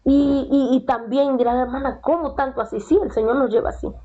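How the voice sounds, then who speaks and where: A woman telling her faith testimony in a relaxed, chatty way, often checking in with the listener with a quick "right?". Her voice sits fairly high. The sound is thin and narrow, like a phone line. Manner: storytelling, often asks "right?" as a tag. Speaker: guest sharing a testimony.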